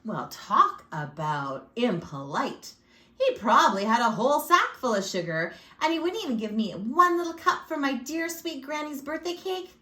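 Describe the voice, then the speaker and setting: A woman's voice: high voice, big pitch swings, moderate pace, bright, forceful tone, exaggerated voice. Lady reading as a sly folksy wolf telling his side, bouncy up-and-down voice, roomy echo. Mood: sly, aggrieved. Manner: folksy, sly, theatrical sneezes. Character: chatty self-pitying male wolf storyteller. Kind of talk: storybook read-aloud. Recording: echoey room.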